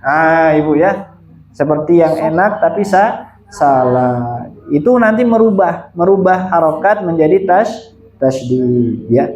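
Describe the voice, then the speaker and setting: A man's voice: fairly high pitch, animated, measured pace, a little mellow, echoey room, muffled recording. A man teaching Quran recitation, patiently repeating and demonstrating pronunciations for a student. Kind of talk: one-on-one recitation lesson.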